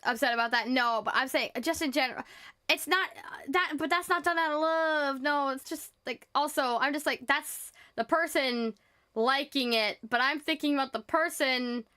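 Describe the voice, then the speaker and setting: A woman streamer chatting casually, rambling and stuttering nervously through an animated rant. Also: high voice, moderate pace.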